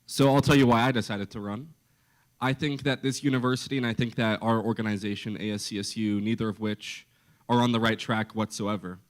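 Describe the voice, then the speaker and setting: Impassioned young man, fairly low voice. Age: young adult. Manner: forceful, impassioned, rhetorical repetition. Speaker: student presidential candidate. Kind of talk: debate speech.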